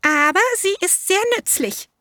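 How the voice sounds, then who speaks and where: A woman's voice: high voice, animated, unhurried, sharp tone, dry recording, clean studio sound, pitched above the performer's own voice, heavily acted. A woman voicing a young, curious and polite elephant calf in a storybook, eager and childlike.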